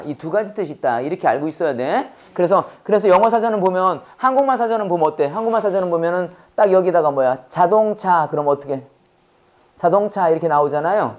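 A man teaching an English class talks fast in a high-pitched, expressive, slightly mellow voice. He drills his students with constant call-and-response questions and exaggerated pronunciation.

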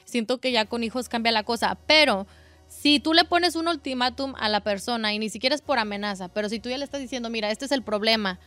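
A woman with a Mexican Spanish accent, co-hosting a casual radio chat, giving brief replies and measured opinions. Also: on the high side, bright, forceful tone, no echo, faint music behind. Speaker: radio co-host.

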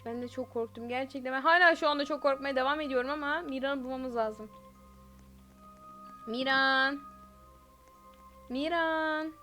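A woman's voice: sits high, moderate pace, long pauses, bright, forceful tone, soft background music. A woman hosting a spooky online game video, calling out frantically for missing friends. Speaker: gaming video host. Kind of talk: frightened gameplay commentary.

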